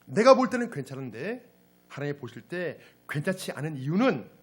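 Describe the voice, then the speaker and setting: A male pastor delivers a sermon in a slightly husky, fairly high voice. His pitch rises and falls with great animation. He talks straight to the congregation and drives his points home with dramatic, emphatic questions. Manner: addresses the congregation directly. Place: church service.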